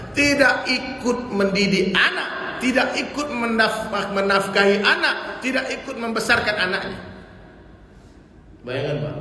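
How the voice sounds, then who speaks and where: Male preacher, high-pitched and emphatic, very echoey hall with long reverb. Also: pushed and bright, a little hiss or hum. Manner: emphatic, with repeated rhetorical questions. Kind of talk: sermon. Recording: echoey hall, live sermon.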